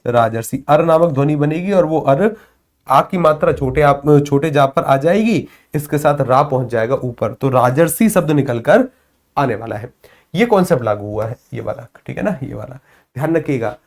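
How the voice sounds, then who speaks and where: A man's voice: mid-range voice, animated, normal speed, darkish tone. A man teaching a grammar lesson to camera at a board. He talks playfully and teases the viewers, and he keeps checking that they follow.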